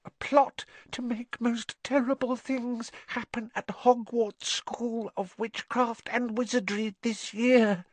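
Dobby, a squeaky frantic house-elf. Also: male voice, fairly even intonation, slow, few pauses, no room sound, exaggerated voice. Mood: urgent. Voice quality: squeaky, strained. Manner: pleading, speaks of himself in third person. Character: small anxious male house-elf, servile and frantic. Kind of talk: audiobook character voice.

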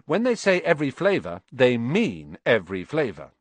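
A man's voice: medium pitch, huge pitch swings, normal speed, dry recording. A man voicing a cheeky, blunt young schoolboy in a children's audiobook, with an offhand, emphatic way of talking. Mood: warning.

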